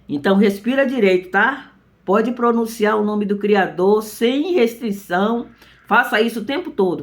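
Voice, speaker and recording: A man preaching in an earnest, emphatic, informal way. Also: high voice. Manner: earnest, emphatic, tags lines with "né?". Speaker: religious preacher.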